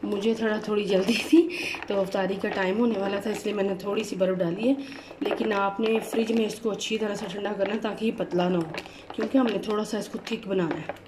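A cooking channel host talks fairly quickly in a steady, mid-range voice, chatting her way through a recipe step by step and often asking viewers to look. The setting is an indoor home kitchen, noisy with clattering dishes and utensils.

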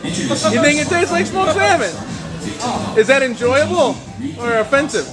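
A man's voice: very high voice, animated, a little slow. A man hosting and filming a casual meetup in a crowded bar, joking and teasing his friends, recorded on a handheld camera mic. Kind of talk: casual handheld vlog banter. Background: loud crowd and music.

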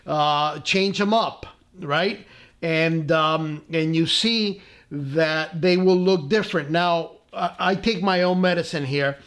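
A man hosting a casual scale-model painting tutorial at his workbench, relaxed and full of "uh" fillers and friendly asides. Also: fairly high pitch, slow, smooth. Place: tabletop workbench indoors.

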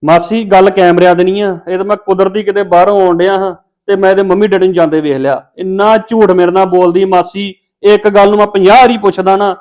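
A man's voice: high voice, fairly even intonation, fast talker, natural voice. A man playing a hot-tempered scolding husband. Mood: complaining, bitter. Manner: harsh, berating, shouting orders. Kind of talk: family drama skit.

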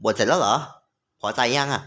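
A woman's voice: extremely low pitch, lively intonation, fast talker, pitched below the performer's own voice. A woman voicing a lazy, blunt young shrine maiden girl in a fan dub practice. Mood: grumpy. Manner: blunt, rude. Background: background music.

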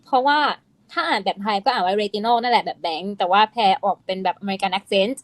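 A woman co-hosting a podcast, explaining skincare in an animated, teasing chat style. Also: medium pitch, a little fast, no room sound. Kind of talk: casual chat.

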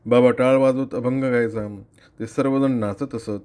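A middle-aged man from Maharashtra reading a friend's essay aloud at home, earnest and reflective, with measured pacing and occasional slips. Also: medium pitch, steady tone, a little mellow, clean tone. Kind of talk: read-aloud narration.

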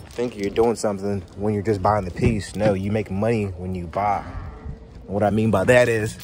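A young man, a real estate investor, talking casually to camera in a relaxed, chatty way and often asking "you know what I mean?". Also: on the low side. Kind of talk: casual vlog talk to camera. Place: first indoors in an empty house, then inside a parked car. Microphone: phone camera held at arm's length, then mounted on the dashboard. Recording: loud background noise on a phone recording.

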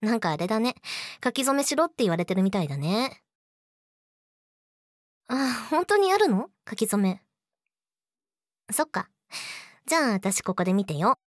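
Woman doing a sweet creepy-obsessive jealous yandere girlfriend, audio drama, highish voice, really close and dry. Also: very animated, moderate pace, pauses often, no room sound. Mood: cheerful, sweet. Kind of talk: Japanese situation voice audio drama, addressed to the listener.

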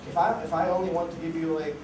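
A man presents at a conference in a noisy, echoey hall recorded from a far mic. His voice is fairly high with little pitch movement and a fast pace, and his casual talk is full of fillers and restarts as he loses his voice.

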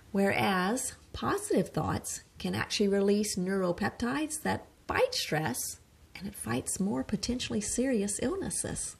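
A woman's voice: medium pitch, gravelly, breathy edge. A woman occupational therapist presenting a wellness webinar in a chatty, earnest way, with asides and restarts.

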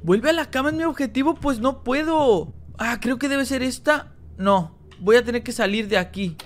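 A gaming YouTuber with a very high-pitched, animated voice talks at a normal speed during a Let's Play of a horror game. He reads its lines aloud in translation, chats to his viewers, calling them "chicos," and yelps and repeats words when something scares him.

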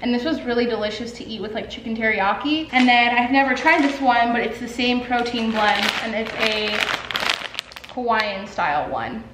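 The artist vlogger, a young woman in her twenties, speaks at a moderate pace in a voice on the high side. Chatting casually at home in her living room and kitchen, she uses many fillers and busy hand gestures before a camera on a stand. The room is echoey and the background noisy.

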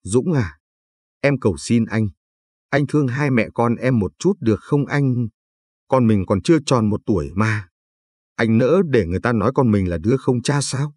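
A man's voice: mid-range voice, animated, darkish tone, husky, no echo, studio quality. A man reading as a desperate pleading young mother. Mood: begging. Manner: tearful begging, quick.

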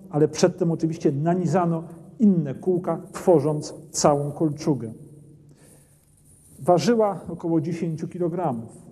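Speaking a little high, mellow and slightly rough, a middle-aged history documentary presenter fills the big room with his voice. He points at the armour while explaining it, recorded on a lapel mic in a dim brick castle armoury.

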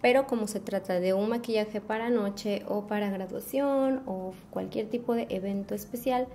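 A young woman with a Mexican accent, her voice sitting a little high, walks a viewer through a makeup tutorial step by step. She is patient and explains gently, sprinkling in fond little diminutives. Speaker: beauty vlogger.

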